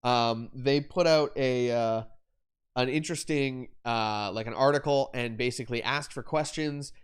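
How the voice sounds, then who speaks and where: A young man talks casually on a live stream, walking through lighting setups, with many fillers and restarts. His voice is smooth and clear, pitched in an ordinary middle range. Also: unhurried. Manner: rambling, self-correcting, explains while demonstrating. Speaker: photography livestream host.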